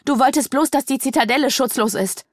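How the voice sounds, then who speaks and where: In an audiobook, a woman voices a frightened young princess who stammers and pleads in an accusing mood, pitching the character above her own natural voice. The delivery is a little high with lively intonation at a moderate pace, recorded dry at studio quality.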